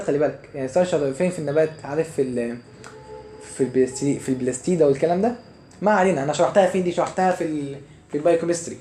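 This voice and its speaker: A man's voice: fairly high pitch, dark tone. A young Egyptian man teaching a lesson, chatty, asking and answering his own questions and running short of breath. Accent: Egyptian Arabic. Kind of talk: lecture to students.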